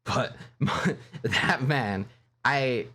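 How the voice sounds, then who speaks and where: A man's voice: medium pitch, extremely slow. A man streaming a video game, chatting casually, laughing and reading game lines aloud. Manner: animated, giggly, reads game lines aloud. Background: faint game music.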